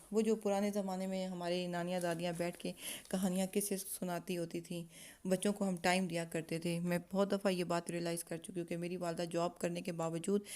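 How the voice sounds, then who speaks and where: A woman hosting a channel, talking informally about child psychology and parenting. She asks herself rhetorical questions and pauses often to find her words. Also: on the low side, a little mellow. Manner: conversational, with frequent hesitations and rhetorical questions; acts out parent-child exchanges as examples. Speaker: channel host giving parenting advice.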